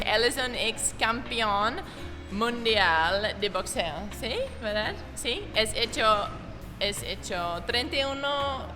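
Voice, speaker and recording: A woman from New Zealand with an English speaker's foreign accent in halting, learner's Spanish, giggly as she hosts a casual vlog interview. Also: medium pitch. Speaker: interviewer and channel host.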